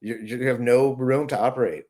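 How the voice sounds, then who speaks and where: A man's voice: medium pitch, fairly even intonation, moderate pace, darkish tone. A man hosting a podcast, chatting casually and agreeably with his guest. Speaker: podcast host. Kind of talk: casual chat.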